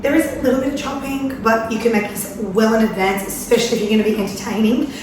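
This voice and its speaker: A woman's voice: a little high, fairly even intonation, fast talker. A woman hosting a home cooking show, chatting viewers through each step of a recipe. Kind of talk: cooking demonstration. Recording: faint noise, uneven mic audio.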